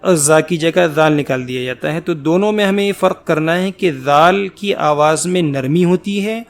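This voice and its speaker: A man teaching Quran letter pronunciation, drawing out each letter slowly and explaining patiently between them. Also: on the high side. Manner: slow, drawn-out letter recitation.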